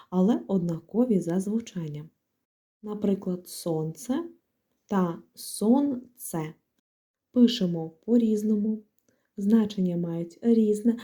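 A young woman explaining grammar in a clear, lightly joking lesson. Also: medium pitch, warm tone. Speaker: Ukrainian language tutor. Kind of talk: exam-prep lesson.

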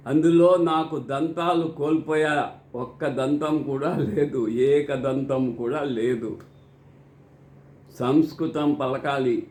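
An older man reciting scripture and explaining it in a slow, earnest, preacherly way, as a devotional teacher. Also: a little high, darkish tone, reverberant.

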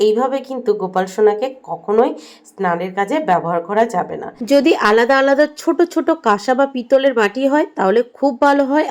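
A middle-aged woman with a Bengali accent, speaking as a home vlogger and gently explaining a home ritual step by step in a voice-over. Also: a little high.

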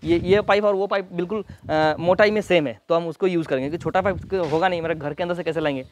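A man casually reviewing and demonstrating a pressure washer, explaining each step quickly as he handles it. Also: high voice, slight background noise. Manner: rapid, hands-on explaining while demonstrating. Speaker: product reviewer. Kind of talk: casual product demo and review.

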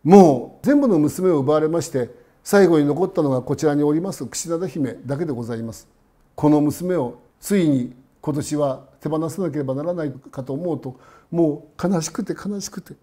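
A man voicing a grieving, humble old village father who speaks with deep deference. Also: moderate pace, mellow, close to an everyday voice. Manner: deferential, very polite speech.

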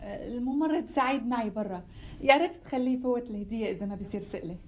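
An actress playing a polite, apologetic young doctor who speaks with a Syrian Arabic accent in a TV sitcom. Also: female voice, on the high side, fast talker, darkish tone, slight background noise, lightly acted. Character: polite young female doctor, sheepish gift-giver. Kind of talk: TV sitcom acting.

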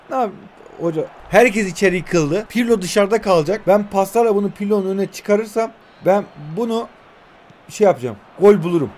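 A man in his twenties giving excitable live commentary on a mobile football game, full of slangy banter and sudden shouts. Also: high-pitched. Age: 20s.

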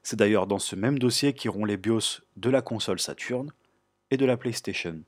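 Man, low husky voice, relaxed step-by-step tutorial host, dry close mic. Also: normal speed, dry recording. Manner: relaxed, explanatory, frequent "euh" fillers. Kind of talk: screen-recorded tech tutorial.

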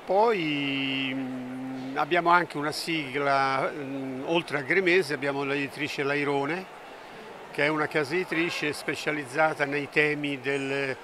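An older man, a publisher, interviewed at a book fair stand, speaking in a measured, explanatory way with hesitant fillers into a handheld mic. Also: a little high, steady tone. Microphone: handheld mic held by interviewer. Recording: noisy fair hall ambience.

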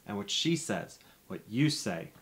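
A man's voice: on the low side, big pitch swings, a little slow, very noisy. A middle-aged man playing an earnest, grateful guest giving a confessional testimonial in a scripted parody infomercial. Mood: grateful, relieved.

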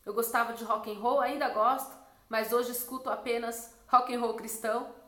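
A woman's voice: steady tone, moderate pace, echoey room. Earnest young woman sharing a testimony. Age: 20s. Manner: earnest storytelling, drops soft and low when quoting God. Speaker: missionary. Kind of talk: personal testimony.

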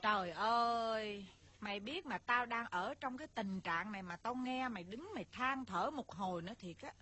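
A woman's voice: fairly high pitch, moderate pace, husky. A woman playing a bossy older aunt in comic folk-opera, scolding and singing of her past love. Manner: bossy, scolding, then sings wistfully. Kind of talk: comic folk-opera acting with sung verses. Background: loud stage music.

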